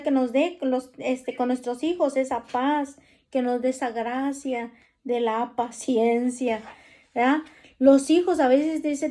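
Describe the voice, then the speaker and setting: A woman's voice: sits high, mellow. A woman giving a casual religious talk on parenting, often adding a questioning tag to her points. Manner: chatty, often adds "¿verdad?".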